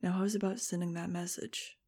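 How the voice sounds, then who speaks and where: A woman voicing a guarded teenage boy with wings, who speaks in quiet, clipped, dry lines. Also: on the low side, level tone, moderate pace, slightly rough. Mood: low-key.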